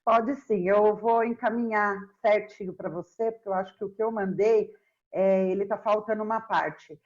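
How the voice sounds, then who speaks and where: A middle-aged woman, a historian being interviewed, speaking slowly and earnestly in a relaxed, reflective way. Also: medium pitch, dull audio. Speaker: historian guest. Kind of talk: casual interview chat.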